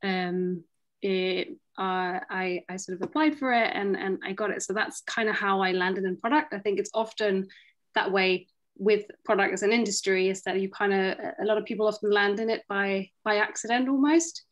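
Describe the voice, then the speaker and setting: A woman's voice: mid-range voice, fairly even intonation, moderate pace, rough recording. Hesitant woman answering on a panel. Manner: hesitant, many fillers and restarts. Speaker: panelist, product director. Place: home room, indoors. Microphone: video call.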